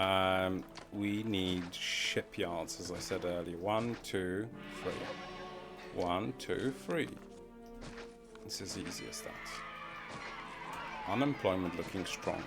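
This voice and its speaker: A man casually commenting as he plays a game on a live stream, rambling and muttering to himself and chuckling at his own wordplay. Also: low-pitched. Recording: background music under the voice.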